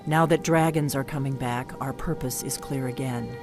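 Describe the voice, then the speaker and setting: A woman speaks at normal speed with fairly even intonation, voicing a secretive middle-aged veteran of an old guard order. The video game dialogue is blunt and conspiratorial, her delivery low and intense, with game music behind her.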